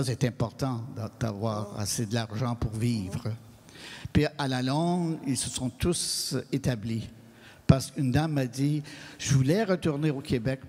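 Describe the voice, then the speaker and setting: A man with a Franco-American French accent answering audience questions on stage, earnest and measured, on a handheld mic. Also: medium pitch, a little mellow. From New England, United States. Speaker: guest writer. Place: stage of a large hall. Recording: long hall reverb.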